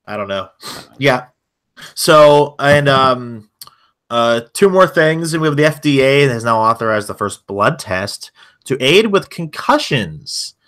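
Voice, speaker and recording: Man, co-host, casual podcast chat, bright forceful voice, wry and sarcastic. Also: medium pitch, expressive, unhurried. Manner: wry, news-segment leading, with sarcastic asides.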